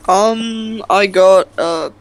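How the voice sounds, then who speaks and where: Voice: medium pitch, drawn-out words. A player in a tabletop game, chatting casually and playfully with frequent giggles.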